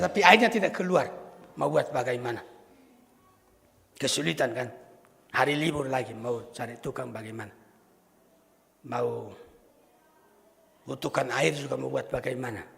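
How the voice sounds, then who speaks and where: A man preaching a sermon as a pastor, lively, acting out the voices of Bible figures and chuckling at his own jokes. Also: mid-range voice, normal speed, creaky, long pauses. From Indonesia. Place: church sanctuary. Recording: long church reverb.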